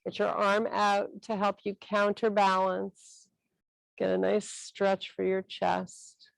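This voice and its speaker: A woman guides a stretching class, talking students through each position with calm, encouraging cues. Her delivery is slow and unhurried, with a gravelly texture to her voice. The sound is dry and close. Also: medium pitch, no room sound, rough recording.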